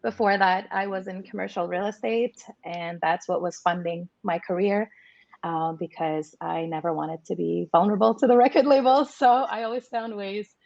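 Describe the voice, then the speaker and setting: A woman's voice: mid-range voice, normal speed, creaky, a little mellow, highs cut off. A woman singer-songwriter from Morocco, raised in Canada, talking candidly as a guest on a casual show. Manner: candid, reflective, with small laughs and fillers. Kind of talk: casual interview chat.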